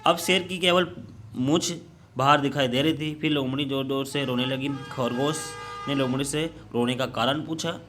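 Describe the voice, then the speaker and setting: A young man teaching children, reading a workbook story aloud with many halting restarts and fillers, then going through the answers. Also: mid-range voice, over music.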